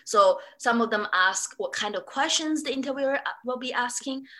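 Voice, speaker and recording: A woman's voice: on the high side, expressive, moderate pace, sharp tone. A woman from Singapore speaking in a casual interview, chatty with many fillers and restarts. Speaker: interviewee, former student.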